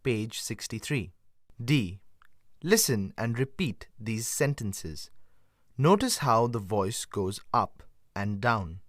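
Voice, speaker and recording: Male course narrator, clear scripted instructions, lively pitch, slow and deliberate. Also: no room sound, clean studio sound.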